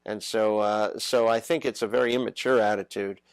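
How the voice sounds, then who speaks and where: Halting male talk show host. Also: fairly low pitch, steady tone, clear, resonant tone, no echo, poor audio. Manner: halting, many "uh" fillers.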